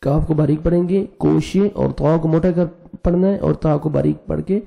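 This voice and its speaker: A man teaching a tajweed lesson online. He chants the verses slowly and melodically, then explains the pronunciation rules quickly. He has a slightly sore throat. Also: a little high, steady tone, creaky, lo-fi sound, faint music behind. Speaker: Quran recitation teacher.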